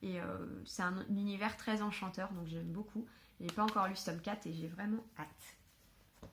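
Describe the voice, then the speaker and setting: A woman's voice: mid-range voice, steady tone, normal speed, a little hiss or hum. Chatty woman vlogger, many hesitations. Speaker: book vlogger. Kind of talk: casual book haul chat.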